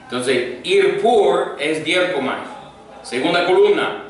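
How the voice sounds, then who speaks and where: A man's voice: sits high, animated, takes it slowly. A man teaching a Koine Greek grammar class, patiently drilling vocabulary and asking the students to repeat after him. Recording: echoey room, mic far off, faint noise.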